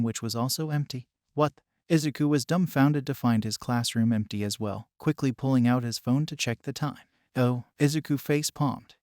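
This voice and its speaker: A man's voice: medium pitch, darkish tone, no echo. A synthetic male voice reading fan fiction aloud as narration, in a dry close recording.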